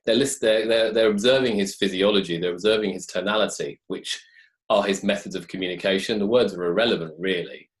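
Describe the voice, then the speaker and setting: A man with a fairly low voice joins a business discussion. He talks hesitantly, repeating words and checking in with "okay?" as he goes. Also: a little fast. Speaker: business advisor. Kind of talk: casual discussion.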